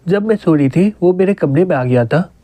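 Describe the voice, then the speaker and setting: A man's voice: sits high, lively intonation, moderate pace, dark tone, no echo. A man reading an indignant young elf woman. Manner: indignant, accusing. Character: angry young female elf.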